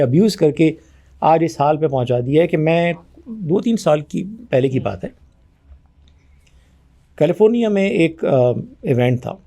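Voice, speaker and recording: Male guest, higher-pitched mellow voice, argumentative, replays dialogues. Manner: forceful, argumentative, acts out both sides of past conversations. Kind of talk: conversational interview.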